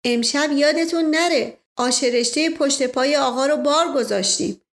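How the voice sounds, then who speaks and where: Brief: woman playing a courteous housewife, higher pitched, storybook. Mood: eager. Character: hospitable housewife, eager to please.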